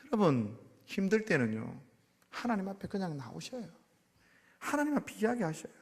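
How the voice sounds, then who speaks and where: A male pastor preaching a sermon in a church, swinging between loud pleading and hushed near-whispers. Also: high voice, very animated, moderate pace, vocal fry. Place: church sanctuary. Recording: long church hall reverb.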